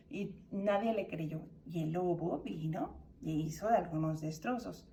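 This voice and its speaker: This woman's voice sits on the low side and sounds creaky, picked up from a distance. With a Mexican Spanish accent, she leads a kids' Sunday school class, narrating a story with animation and voicing the characters' cries.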